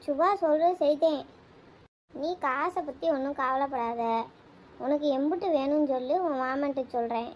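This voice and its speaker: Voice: high-pitched, steady tone, moderate pace, a little hiss or hum, lightly acted. A woman voicing a bossy aunt. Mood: reassuring. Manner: commanding, reassuring. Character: bossy village aunt, middle-aged woman.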